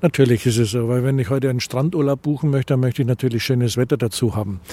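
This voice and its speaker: Here the same kind of speaker, a middle-aged tourism association president from Bavaria, talks fast in a warm, mid-range voice. Answering interview questions in his Bavarian accent, he hesitates a lot, restarting sentences and leaning on fillers.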